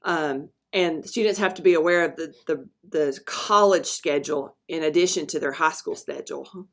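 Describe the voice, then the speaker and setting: Woman narrating a screencast, somewhat low voice. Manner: halting, with frequent ums and self-corrections. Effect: narration recorded over a screen recording. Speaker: school dual enrollment presenter. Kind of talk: screencast presentation voice-over.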